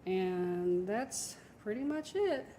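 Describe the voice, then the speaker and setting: A young woman talks casually as she shows around her home, her voice at an ordinary middle pitch. She chats easily and laughs lightly between thoughts. The rooms add a roomy echo, with a faint hum of ambience behind her. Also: lively intonation, takes it slowly, warm tone. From Taiwan. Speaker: artist and photographer. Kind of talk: casual home tour talk.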